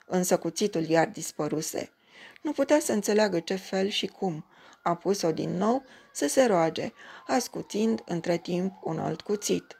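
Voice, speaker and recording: A woman reading a fairy tale aloud in a measured storytelling cadence. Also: lowish voice, animated, gravelly, a little mellow, slightly rough.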